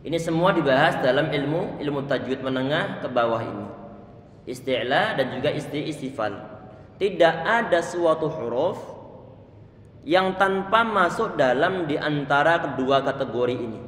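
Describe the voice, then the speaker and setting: A man's voice: on the high side, moderate pace, a bit bright, a little hiss or hum. A middle-aged man teaching Quran recitation, modelling letter sounds and stopping often to check that his student follows. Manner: frequent restarts on words. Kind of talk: tajwid lesson explaining letter sounds. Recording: echoey room with long reverb.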